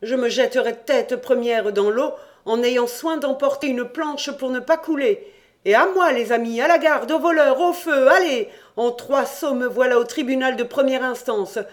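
A man reading aloud and voicing a panicky, boastful young man who talks fast and excitedly in an audiobook. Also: very high voice, pitched above the performer's own voice. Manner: rapid, agitated, shouting.

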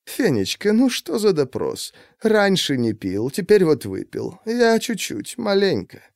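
A man's voice: high-pitched, wildly swooping pitch, measured pace, vocal fry, darkish tone, no room sound, studio quality, pitched above the performer's own voice, full character voice. A man voicing a furtive middle-aged husband who mumbles evasively and turns harsh.

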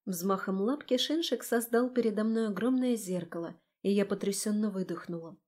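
A woman narrating a fantasy novel in the first person, with a lively, expressive reading. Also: mid-range voice, moderate pace. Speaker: audiobook narrator.

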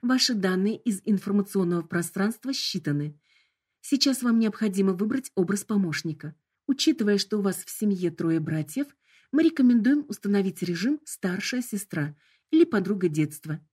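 A woman's voice: mid-range voice, lively intonation, normal speed, a little mellow, husky. A woman voicing a sickly sweet, politely formal female hologram assistant. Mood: sugary.

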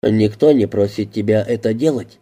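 A man reading an audiobook, voicing a calm, dry-humoured police detective. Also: fairly low pitch, moderate pace, husky. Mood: guarded. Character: guarded, wry male police detective.

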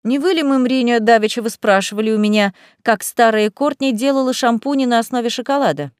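A woman's voice: fairly high pitch, brisk, clean tone, dry recording, clean studio sound, close to an everyday voice. Mr. Double Chocolate, a woman doing a sly needling chocolatier. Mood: accusing. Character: sly shrewd chocolatier man.

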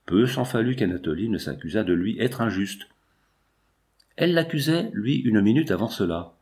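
Low-voiced man narrating a novel. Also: normal speed. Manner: steady, literary reading.

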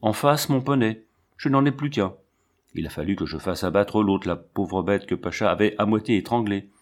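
Man voicing a boastful gruff lion tamer. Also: lowish voice, normal speed, lightly acted. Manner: boastful, brusque.

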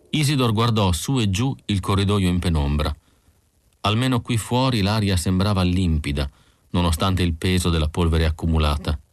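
A man narrating an audiobook with slow, measured reading. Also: on the low side, no room sound. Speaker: audiobook reader.

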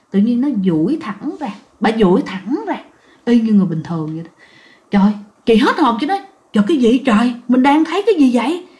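A woman casually tells ghost stories to her listeners. She tells them dramatically and repeats words for emphasis. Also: high voice. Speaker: storyteller.

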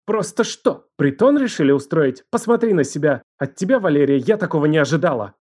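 A man voicing a stern, domineering middle-aged aunt who scolds in a harsh, shouting voice raised high above his own. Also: lively intonation, fairly quick. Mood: furious scolding. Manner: shouting, harsh, breaking into a shriek.

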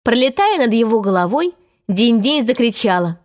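A woman's voice: a little high, normal speed, soft background music. Woman reading a storybook aloud. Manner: expressive, steady narration.

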